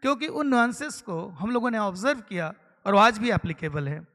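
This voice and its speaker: A man's voice: high voice, lively intonation, fairly quick, pushed and bright. A man from eastern India training teachers, explaining step by step and asking the audience rhetorical questions. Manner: explanatory, asks rhetorical questions, mixes English terms. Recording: long hall reverb.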